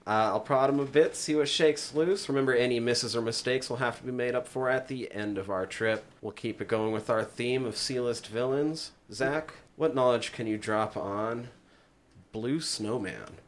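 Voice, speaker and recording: A man's voice: mid-range voice, normal speed. A man hosting a podcast who quizzes his co-host in a dry, teasing way. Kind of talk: casual chat.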